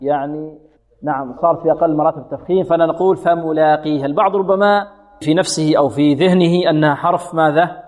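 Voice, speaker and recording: A man teaching Quran recitation rules. He asks his students questions and answers them himself, and he recites verses slowly as examples. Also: a little high, steady tone, darkish tone. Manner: has students repeat sounds after him. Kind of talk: tajweed lesson with slow recited examples. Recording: phone-like audio with long hall reverb.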